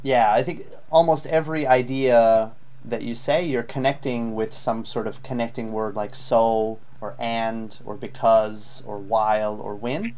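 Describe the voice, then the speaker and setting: A man's voice: medium pitch, steady tone, a little slow, a little mellow. A man teaching a live online IELTS lesson, patiently giving spoken feedback with frequent ums.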